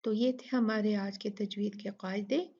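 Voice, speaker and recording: Patient woman recitation teacher with an Urdu-speaking accent, unhurried, stretches each example word, muffled recording. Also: mid-range voice, fairly even intonation, mellow, husky. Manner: slow, patient explaining, drawn-out recitation of words. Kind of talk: tajweed lesson.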